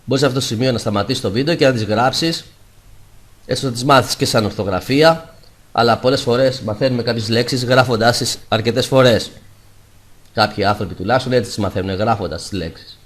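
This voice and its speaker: Man teaching English vocabulary. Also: medium pitch. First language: Greek. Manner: says English words louder and slower, then Greek translations. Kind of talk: vocabulary lesson.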